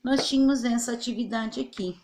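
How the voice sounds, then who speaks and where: A woman's voice: a little high, a little mellow, a little hiss or hum. A Brazilian woman teacher giving an online lesson to children, patiently sounding out words syllable by syllable. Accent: Brazilian Portuguese. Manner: slow, patient, over-articulating words for children.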